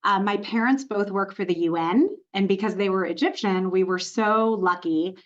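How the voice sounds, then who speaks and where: A woman's voice: mid-range voice, moderate pace, highs cut off. A woman from Montreal, Canada, a corporate communications executive, telling her story as a podcast guest with frequent "you know" fillers. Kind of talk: podcast interview.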